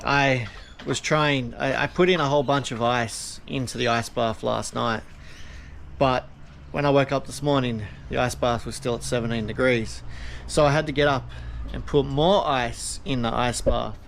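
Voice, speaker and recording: A man's voice: medium pitch, fairly even intonation, normal speed, fairly bright tone. A man talking casually to camera as a vlogger. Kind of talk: casual vlog talk to camera. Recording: clear background noise.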